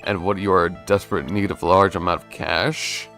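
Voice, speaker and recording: An earnest young defense lawyer from a video game, read by a man in his own voice. The tone is lowish and plain, pressing his points in an accusing way. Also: fairly even intonation, moderate pace, vocal fry, pushed and bright, faint music behind, exaggerated voice.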